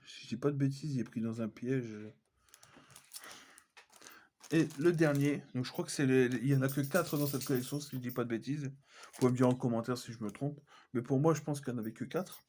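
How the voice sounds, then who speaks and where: A man talks through his film collection in a relaxed, casual way. He hesitates often, filling pauses and correcting himself mid-sentence, at an ordinary middle pitch. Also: slight background noise. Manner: chatty, hesitant, many fillers and self-corrections. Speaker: collector vlogger. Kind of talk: casual unboxing chat.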